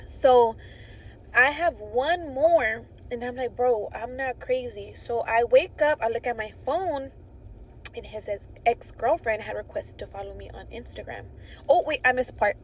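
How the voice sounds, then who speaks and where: A woman telling a storytime about her ex in a conversational way, pausing to correct herself. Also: on the high side, husky, poor audio. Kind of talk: casual storytime vlog.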